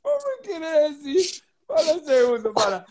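A man's voice: extremely high pitch, huge pitch swings, normal speed, noisy background. A man reacting to a comic story with disbelief and helpless laughter. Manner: incredulous, breaks into helpless laughter. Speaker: co-host interviewer. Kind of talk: comic interview banter.

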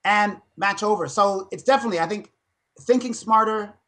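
In a high-pitched, brisk voice, a dentist and fitness speaker in his 50s recounts stories during a podcast interview, energetic and lively in his storytelling.

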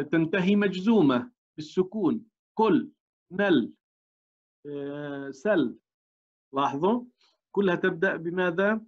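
Man teaching, dull lo-fi sound. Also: fairly high pitch. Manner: explains step by step, asks the class rhetorical checks. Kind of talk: recorded tajweed lesson.

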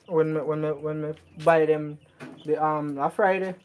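A woman's voice: low voice, steady tone, moderate pace, darkish tone. Chatty Jamaican woman outdoors. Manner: chatty, laughs a lot, repeats "yeah, man". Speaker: vlogger. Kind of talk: casual chat in Patois.

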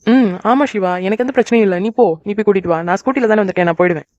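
A warm-hearted young married sister in a cartoon, acted by a woman talks at a very rapid clip in a mid-pitched voice. She fusses over everyone and is quick to tear up. The sound is dry and lo-fi. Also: no echo, close to an everyday voice. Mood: caring. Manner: rapid, caring, cries easily. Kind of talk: cartoon voice acting. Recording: dry, dull lo-fi recording.

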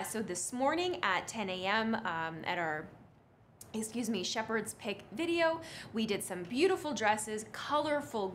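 A woman in her 30s presents and models clothes on a live fashion shopping stream, chatty, animated, and effusive. Her voice sits on the high side, with slight background noise. She stands back from the camera in an indoor studio with a brick wall.

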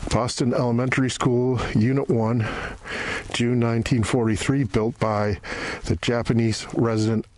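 A man giving an unscripted walking-tour narration outdoors, halting and thoughtful, with pauses. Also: mid-range voice, fairly even intonation, a little mellow, a little hiss or hum. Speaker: vlogger guide. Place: outdoors among ruined buildings in desert.

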